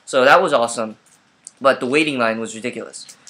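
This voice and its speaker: A man's voice: medium pitch, fairly quick, sharp tone. A man telling a casual vlog story at home, rambling with many fillers and restarts, recorded on his laptop webcam. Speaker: vlogger.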